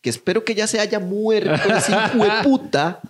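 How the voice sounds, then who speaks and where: A man's voice: high voice, lively intonation, normal speed. A young man with a Costa Rican accent telling a story in casual chat, acting out voices as he goes.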